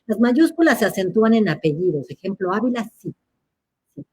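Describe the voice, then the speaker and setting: A woman's voice: medium pitch, sing-song, a little fast, darkish tone, breathy edge. A woman answers audience questions in a live chat, teacherly and playful, laughing at her own examples.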